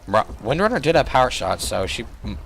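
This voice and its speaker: Hoarse, excitable young game caster. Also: male voice, medium pitch, a little fast, a little hiss or hum. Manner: excitable, rambling, self-correcting. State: hoarse from a cold. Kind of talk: live video game commentary.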